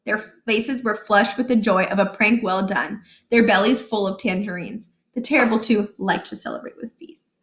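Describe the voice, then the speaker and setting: Reading from a children's book, this woman narrates in a lively, expressive storytelling manner. Her pitch is mid-range and her pace moderate.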